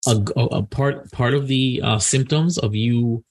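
A man's voice: medium pitch, measured pace. A man co-hosting a podcast in casual banter, joking and rambling with frequent restarts. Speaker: podcast co-host.

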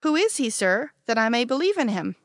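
A woman's voice: fairly high pitch, big pitch swings, a little fast, dry recording, clean studio sound. A woman reading as an earnest once-blind man. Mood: humble. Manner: insistent, matter-of-fact. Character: formerly blind grown man, earnest and plain-spoken. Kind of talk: storybook character reading.

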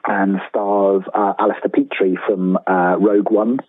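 The writer of books and audio dramas, heard on a tinny phone-like line, sounds low-pitched, level, unhurried and husky as an interview guest. He chats casually, hesitating and poking fun at himself wryly. The recording is dry, with faint music in the background.

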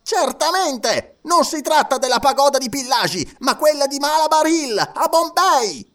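A man voicing a pompous, stern male magistrate in an audiobook, stretching out his questions slowly. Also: very high-pitched, sing-song, a bit bright, distant mic, voice pushed up, exaggerated voice. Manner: slow, drawn-out, pompous. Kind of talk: audiobook character voice.

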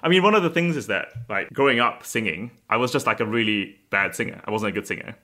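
A man's voice: on the low side, fast talker, sharp tone. A young man, a podcast guest chatting casually and laughing often at himself. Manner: laughs often, self-deprecating.

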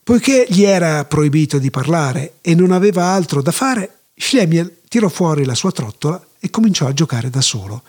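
A man reads a folk tale aloud in a measured, even storytelling manner. His voice sits high for a man and has a husky edge. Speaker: narrator. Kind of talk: scripted storytelling narration.

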